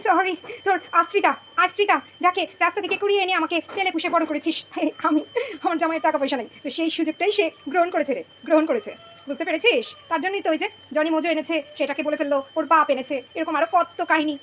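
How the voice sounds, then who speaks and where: Young woman, very high and very fast, mocking monologue, faint background hum. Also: fairly bright tone. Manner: mocking, taunting, direct address. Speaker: vlogger venting about family. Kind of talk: sarcastic monologue with sung lines.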